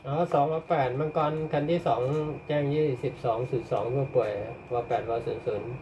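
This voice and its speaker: Clear background noise surrounds a man with a medium-pitched voice. He works as a rescue dispatcher on the radio, reading coded messages back procedurally. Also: fairly quick, warm tone, poor audio.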